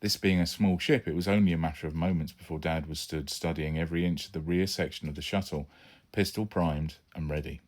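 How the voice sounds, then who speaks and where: This bass-voiced man reads a little fast with fairly even intonation. He is performing his own children's adventure audiobook from a script, acting out every character along the way.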